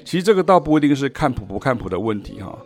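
A man's voice: medium pitch, very animated, quick pace. Man, Taiwanese Mandarin accent, jazz teacher, podcast lesson, scats rhythms to explain, faint background music. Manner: explains through sung rhythm syllables and examples.

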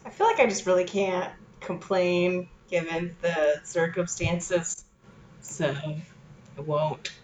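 A woman's voice: fairly low pitch, takes it slowly, slight background noise. A woman co-hosting a podcast in casual chat. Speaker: podcast co-host.

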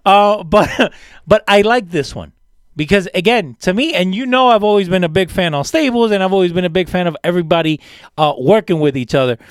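Chatty guy co-hosting, slightly high voice, rambles and restarts a lot, dry close mic. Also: a little fast, clean tone, no echo. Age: older than co-hosts. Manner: enthusiastic, rambling with many restarts. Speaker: podcast co-host. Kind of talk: casual chat.

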